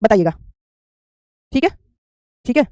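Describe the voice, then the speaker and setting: A woman's voice: fairly high pitch, very animated, a little slow, mellow, no echo, clean studio sound. A woman teaching spelling in an online exam-prep class, answering students' questions and repeating each correct word for drill. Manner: answers student questions, says "beta" often. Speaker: Hindi teacher.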